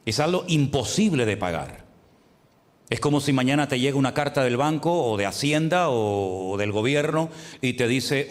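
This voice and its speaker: A man preaching a sermon as pastor, with rising emphasis and rhetorical questions. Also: mid-range voice. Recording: long hall reverb.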